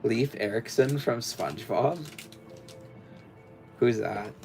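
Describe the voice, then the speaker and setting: Speaking slowly, a young livestream host chats casually as he builds, his deep, gravelly voice a little mellow. Faint music sits behind him, and his rambling, hesitant delivery is full of fillers and restarts.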